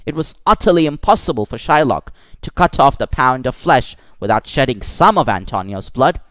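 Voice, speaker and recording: A man narrating a classic story for schoolchildren in an expressive manner, with occasional slips. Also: medium pitch, moderate pace, no echo.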